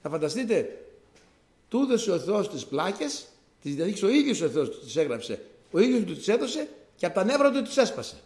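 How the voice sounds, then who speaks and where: A man's voice: sits high, sing-song, darkish tone, echoey room. A man preaching a sermon to his congregation, explaining scripture conversationally and repeating key words for emphasis.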